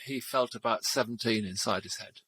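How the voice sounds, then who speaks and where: Measured older man in his seventies. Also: mid-range voice, bright, forceful tone, slight background noise. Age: 70s. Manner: measured, explanatory, with hesitations. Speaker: podcast co-host. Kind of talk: casual podcast chat.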